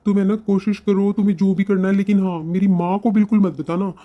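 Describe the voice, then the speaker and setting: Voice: medium pitch, little pitch movement, quick pace, phone-quality sound, natural voice. An actor voicing a kind, idle young husband in a cartoon who talks in an eager, reassuring way. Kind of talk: cartoon voice acting.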